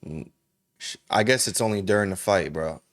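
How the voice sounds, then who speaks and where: A man's voice: sits low, normal speed. A man hosting a reaction video, talking casually in slangy, profane, rambling speech and saying "bro" constantly. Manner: rambling, with frequent restarts.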